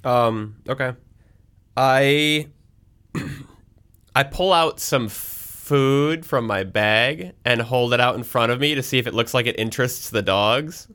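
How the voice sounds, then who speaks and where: A man's voice: mid-range voice, slow, fairly bright tone, clear, resonant tone. A man playing a tabletop game, playful and hesitant, laughing often. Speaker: player. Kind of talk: casual tabletop game play.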